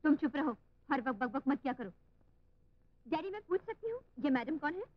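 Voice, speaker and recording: An actress playing a spoiled, haughty elder daughter who shouts scornfully, on a muffled old film soundtrack. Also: female voice, extremely high pitch, lively intonation, quick pace. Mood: sneering. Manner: shouting, scornful, mixing English insults.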